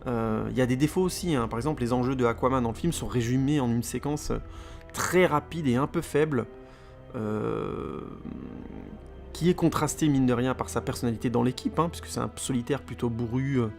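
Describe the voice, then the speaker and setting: Male podcaster, mid-pitched gravelly voice, loose rambling film-review delivery with lots of fillers, faint music underneath. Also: a little fast, a little mellow. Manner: rambling, many fillers and repeated words. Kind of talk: casual spoken film review.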